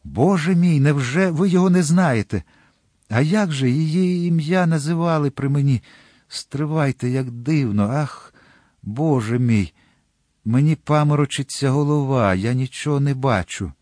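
A man's voice: medium pitch, measured pace, darkish tone, no room sound, studio quality, voice pushed up, lightly acted. A man voicing a frail, loving young woman in a storybook reading, with a raised, breathless, pleading delivery. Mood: anxious.

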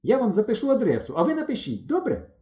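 A man voicing a lively, earnest young pioneer girl who speaks high and eagerly. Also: fast. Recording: roomy, slightly dull recording.

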